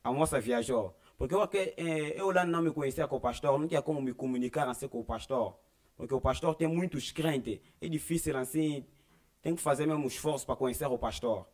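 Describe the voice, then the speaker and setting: A man's voice: mid-range voice, fairly quick, a little mellow. A young man with an Angolan Portuguese accent gives an earnest personal religious testimony, acting out the dialogue he quotes. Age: young adult. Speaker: church member giving testimony.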